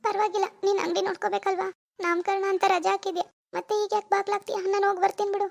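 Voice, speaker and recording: A woman voicing a tender-hearted young wife who grieves and pleads with her husband in an animated village drama. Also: very high voice, very fast, gravelly. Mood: pleading. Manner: tearful, pleading.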